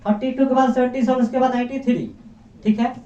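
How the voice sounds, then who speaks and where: A man's voice: extremely high pitch, fairly even intonation, fast, warm tone. A man teaching a class, quizzing students and firmly repeating each of their answers back to them. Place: classroom indoors. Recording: echoey, distant, dull classroom recording.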